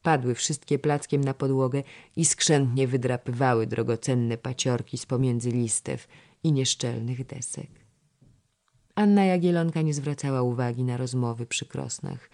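A narrator reading a historical novel in measured storytelling. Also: medium pitch, a little mellow. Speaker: audiobook narrator.

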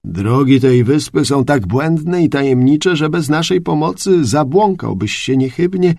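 A man voicing an earnest royal horse groom, loud and raised. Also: fairly high pitch, lively intonation, unhurried, gravelly, no echo, pitched above the performer's own voice, exaggerated voice. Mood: explaining. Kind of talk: audiobook character reading.

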